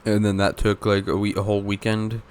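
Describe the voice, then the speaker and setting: A young man co-hosting a podcast in casual chat, rambling and interrupting himself, with deadpan teasing. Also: on the low side, fairly quick, clean tone. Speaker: podcast co-host.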